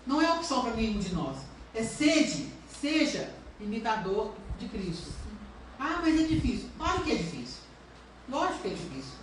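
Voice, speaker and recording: A woman's voice: a little high, big pitch swings, normal speed, slight background noise. Woman pastor preaching in an echoey church. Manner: earnest preaching with rhetorical questions. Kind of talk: sermon. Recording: echoey, distant church recording.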